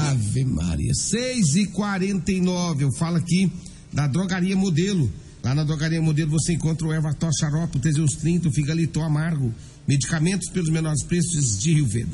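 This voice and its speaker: A man's voice: on the high side, warm tone. A Brazilian man hosting a radio news programme, reading news and live ads in a colloquial, chatty way that addresses listeners directly. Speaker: radio crime-news host. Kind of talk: informal news commentary and live-read advertising. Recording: music bed under the voice. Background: background music.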